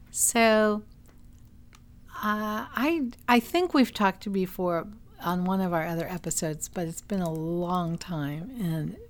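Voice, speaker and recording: Woman, podcast co-host, chatty, teasing, easy laugh, relaxed explainer. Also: fairly low pitch. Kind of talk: casual chat, explaining design concepts. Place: home in Wisconsin.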